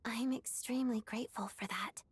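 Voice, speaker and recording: An actress voicing a polite, reserved young woman in a video game, with a calm, earnest and softly formal manner and a husky voice. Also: a little high, moderate pace.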